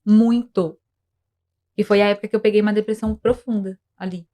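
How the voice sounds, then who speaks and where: A woman's voice: medium pitch, flat delivery, rapid-fire, mellow. A young woman, earnestly telling a personal story of faith and depression as a podcast guest, with many restarts. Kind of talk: emotional personal testimony.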